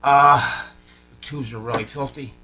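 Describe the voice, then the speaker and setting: Working through a radio restoration, a hobbyist talks informally and folksily, musing aloud in a relaxed workshop chat. His medium-pitched voice is bright and forceful yet steady, at a measured pace, with clear background noise, electrical hum, and faint music behind him.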